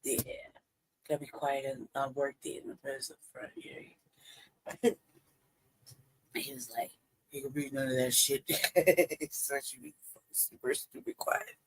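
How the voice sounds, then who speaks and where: On a live stream, a man loosely rambles about the clips he's playing, often sinking to a near whisper as he reacts to the videos. His voice is gravelly and breathy-edged, mid-range, with lively intonation, an unhurried pace, and long pauses. The recording is low quality.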